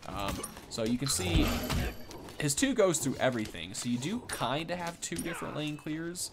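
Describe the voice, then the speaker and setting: Expressive and fairly high-pitched, this young gaming host talks at a moderate pace. He thinks out loud in loose, rambling commentary with no script, while game audio is clearly audible in the background.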